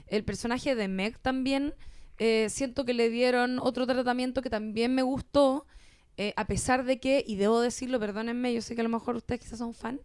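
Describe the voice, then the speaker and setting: A woman's voice: a little high, fairly even intonation, moderate pace, a little mellow, clear, resonant tone, no room sound. A Chilean woman co-hosting a podcast, giving chatty, slangy opinions. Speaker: podcast co-host. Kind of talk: casual chat.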